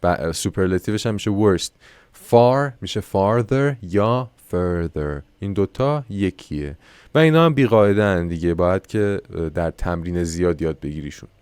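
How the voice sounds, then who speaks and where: معلم زبان مردی با صدای بم. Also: male voice, deep voice, expressive, a little mellow, clear, resonant tone, no echo. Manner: explains grammar in Persian, reading English examples slowly; self-mocking aside. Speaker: English teacher. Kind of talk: online English lesson.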